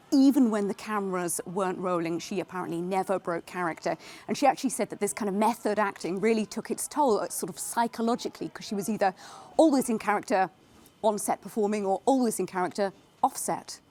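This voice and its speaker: A woman culture correspondent reviewing films on a news programme in a chatty, thoughtful way, often pausing with fillers. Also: medium pitch, darkish tone. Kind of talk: news discussion.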